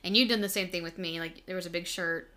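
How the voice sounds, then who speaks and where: A woman's voice: on the low side, fairly even intonation, fast talker, pushed and bright. A young woman co-hosting a casual couples podcast, playful and teasing, chatty with lots of fillers. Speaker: podcast co-host.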